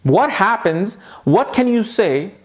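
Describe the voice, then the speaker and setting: Guy teaching a lesson, kinda high voice, really emphatic and into it, repeats stuff to drive it home. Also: lively intonation, takes it slowly. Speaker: astrology teacher. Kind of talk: explanatory video lesson.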